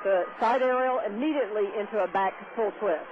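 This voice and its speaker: High-voiced man analyzing gymnastics on radio. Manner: technical, measured move-by-move analysis. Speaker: color analyst. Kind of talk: live radio sports commentary. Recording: dull noisy radio broadcast.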